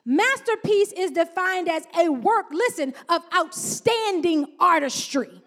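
A middle-aged woman pastor, preaching with very high pitch. She leans into call-and-response and stretches out key words for emphasis. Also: animated, a little slow. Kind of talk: sermon.

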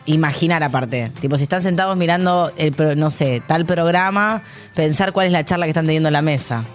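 A woman's voice: low-pitched, fairly quick. Argentine woman, young adult, frank chatty radio co-host, laughing stories, faint music behind. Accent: Rioplatense Spanish. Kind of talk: casual radio chat.

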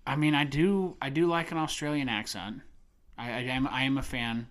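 An easygoing man co-hosting a casual movie podcast, chatty and quick to laugh as he tells stories. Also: medium pitch, steady tone, fairly bright tone. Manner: easygoing, chatty storyteller who laughs often. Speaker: podcast co-host.

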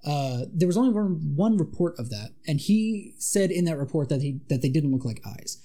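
A man co-hosting a podcast casually retells a monster legend, tossing in dramatic asides. His voice is fairly high and mellow, with lively intonation at a normal pace.

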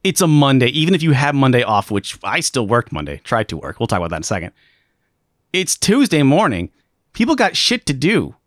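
A man's voice: medium pitch, wildly swooping pitch, brisk, a bit bright, dry recording, studio quality. A man co-hosting a live stream, chatting casually in rambling, joking rants full of fillers. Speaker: stream co-host. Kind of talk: casual chat.

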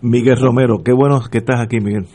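Hosting a radio talk show interview, an older Puerto Rican-accented man rambles and jokes, laughing frequently. He talks at a quick pace in a warm, medium-pitched voice with fairly even intonation.

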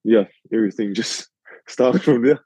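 A man's voice: medium pitch, normal speed, warm tone, no room sound, poor audio. A young man in his twenties with a New Zealand accent, a rugby league player guest who answers modestly and hesitantly with many fillers. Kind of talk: casual podcast interview.

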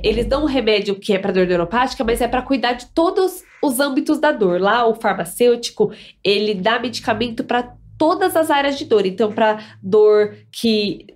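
A young adult woman telling her story as a podcast guest, emphatic and repeating phrases for stress. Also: fairly high pitch. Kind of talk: casual podcast conversation.

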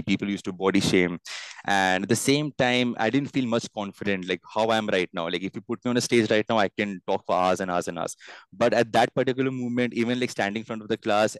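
A man's voice: on the low side, smooth, no echo, rough recording. A man with an Indian accent giving earnest, emphatic conversational answers as an interview guest, often repeating phrases for stress. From India, grew up in Bangalore and Bombay. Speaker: fitness entrepreneur and coach, interview guest.

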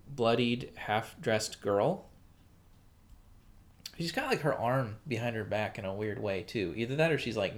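A man co-hosting a casual podcast about a film, rambling with many fillers and restarts. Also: lowish voice. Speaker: podcast co-host.

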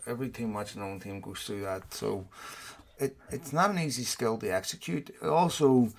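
A man's voice: mid-range voice, moderate pace, vocal fry. A man speaking with braces on his teeth, giving opinionated football punditry as a guest in casual discussion, repeating words for emphasis.

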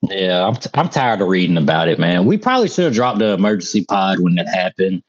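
A man's voice: sits low, very animated, fast talker. A man co-hosting a wrestling podcast in laid-back casual chat, wry and often laughing. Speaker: podcast co-host. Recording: slightly dull lo-fi mic.

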